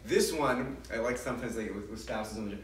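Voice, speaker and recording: A man's voice: fairly low pitch, normal speed, slight background noise. Guy teaching a parenting class, chatty, acts out the kids' lines, echoey hall, mic kinda far off. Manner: conversational, acts out parent and child quotes, frequent restarts. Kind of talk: informal lecture to a group. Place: congregation hall. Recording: roomy hall, distant mic, faint ambience.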